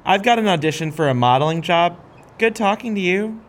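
A man voicing a flat, bored young woman fashion model in a comedic screenplay read-through, with clipped, deadpan replies. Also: high voice, a little fast, voice pushed up.

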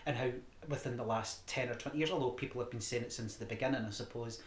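A man's voice: mid-range voice, quick pace, slight background noise. A man co-hosting a podcast, talking in loose, rambling, profane chat and often correcting himself. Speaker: podcast co-host. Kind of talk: casual chat. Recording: roomy echo.

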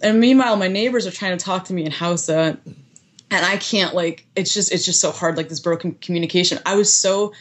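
A young American woman telling a story in casual conversation, animated and full of "like" fillers. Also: on the low side, fairly quick. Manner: animated, heavy use of "like" fillers, laughs often. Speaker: guest recounting a past experience.

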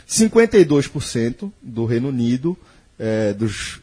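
Husky-voiced male podcast host. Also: medium pitch, sing-song, a little slow, dark tone. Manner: explains the topic at length, tagging lines with questions. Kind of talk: casual podcast discussion.

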